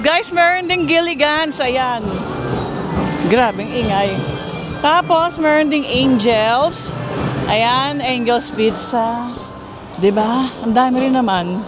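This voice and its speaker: A woman's voice: high voice, low-quality recording. A Filipino woman chatting casually to her viewers as she walks through a busy outdoor mall, recorded on a handheld phone. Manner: chatty, keeps addressing viewers as guys; raises her voice to be heard over the crowd. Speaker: vlogger giving a mall tour. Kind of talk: casual walking vlog.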